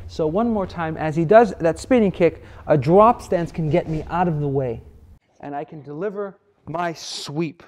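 A man's voice: a little high, normal speed, a little mellow. A young adult man giving an instructional martial arts demonstration as the teacher. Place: martial arts training hall, indoors.

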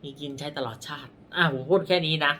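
A man's voice: fairly high pitch, quick pace, sharp tone, slight background noise. Blunt, rambling male palm reader. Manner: blunt, rambling, self-correcting, pointing at his palm. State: dry throat. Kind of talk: casual explanatory talk.

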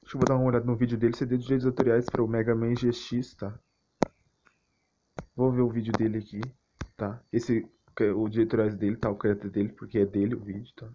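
A fast-talking gaming YouTuber with a Brazilian accent reacts off the cuff to fan game images and videos in a flat, mid-range voice. His commentary is slangy, rambling, and repetitive, and the phone recording comes out muffled and noisy, with clicks.

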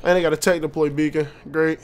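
A young man giving excitable, trash-talking commentary over his own gameplay, often laughing. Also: a little high, quick pace, slight background noise. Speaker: gaming YouTuber. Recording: faint game gunfire behind. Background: gunfire.

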